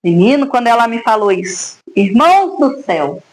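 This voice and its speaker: A woman's voice: on the high side, very animated, normal speed, slight background noise, poor audio. A woman from Brazil, a mother giving an emotional faith testimony, talking fervently and praying aloud, moved close to tears. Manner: fervent, addresses listeners as brothers, prays aloud.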